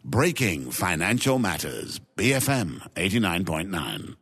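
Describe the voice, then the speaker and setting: A man announcing a station jingle, taped off the radio, with a slow, drawn-out delivery. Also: low voice, very animated. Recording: distant, noisy, clicking radio tape.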